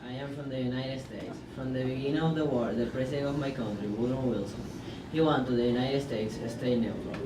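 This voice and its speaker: A man with a mid-range voice recites his part of a presentation in a plain, steady way. The recording is distant and echoey, with clear noise in the background. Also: mid-range voice, fairly quick, few pauses.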